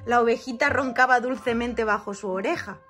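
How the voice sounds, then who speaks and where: A woman's voice: on the high side, a little fast, soft background music. Woman reading a children's story aloud. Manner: expressive, varied delivery.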